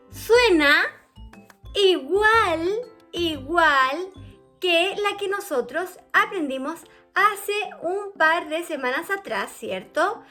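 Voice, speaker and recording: A woman teaching young children to read, patient and drawn-out, often checking that they follow. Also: very high-pitched, fairly bright tone. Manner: slow, patient, drawn-out words with checking questions. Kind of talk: children's reading lesson.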